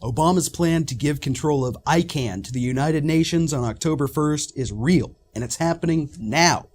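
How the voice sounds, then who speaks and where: A man's voice: fairly high pitch, moderate pace. A man delivering an urgent, scripted political commentary as an online journalist, pleading with listeners to act. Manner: urgent, pleading call to action.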